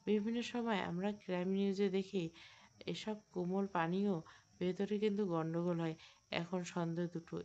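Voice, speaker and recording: A woman's voice: fairly low pitch, warm tone, lo-fi sound, lightly acted. A woman reading an earnest younger boy cousin playing amateur detective in an audio story, with a probing, questioning manner.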